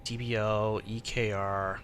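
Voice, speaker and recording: A man's voice: flat delivery, slow, a bit bright. A man streaming as a virtual pilot, casually thinking aloud and muttering to himself as he works through steps. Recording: faint background noise and low rumble.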